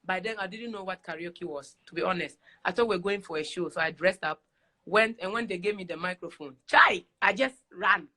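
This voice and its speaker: A Ghanaian woman, a singer, chatting as a guest over a video call in a casual live-stream interview, animated and laughing often as she acts out the voices in her stories. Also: lowish voice, brisk.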